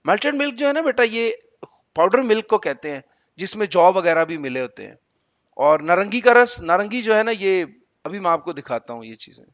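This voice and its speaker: Male teacher walking students through a reading lesson; patient, explaining each word; high voice, muffled sound. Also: sing-song, fairly bright tone, no echo.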